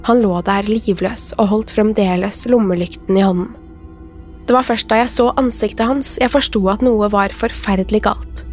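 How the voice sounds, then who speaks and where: A woman reads a horror story aloud in a steady, suspenseful voice, pitched right in the middle for a woman. Faint music runs quietly underneath her narration. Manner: measured, suspenseful first-person telling. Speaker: podcast narrator.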